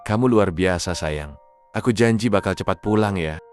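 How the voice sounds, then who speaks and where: A man's voice: low voice, normal speed, soft background music, natural voice. Man voicing a doting young new father. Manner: sweet, affectionate, pious. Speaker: husband. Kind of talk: animated drama dubbing.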